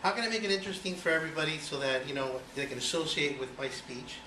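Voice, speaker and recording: In an echoey, noisy room, a distant male voice, a little high and animated, moves at a quick pace through an icebreaker speech. He's a Cuban-born man in his forties sharing personal material with listeners, chatting freely with many "you know"s and rhetorical questions.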